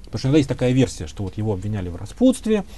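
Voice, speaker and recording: Man talking history in an interview, mellow warm tone, lots of ums, careful and hedging. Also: lowish voice, wildly swooping pitch, racing. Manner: thoughtful, hedging, many filler sounds. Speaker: historian guest. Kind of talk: conversational interview answers.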